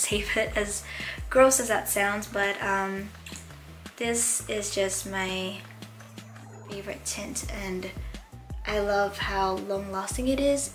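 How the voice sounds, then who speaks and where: Young woman vlogger rambling casually about makeup, lots of um and like, soft music behind. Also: mid-range voice. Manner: chatty, many fillers like um and like. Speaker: beauty vlogger. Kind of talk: casual product review.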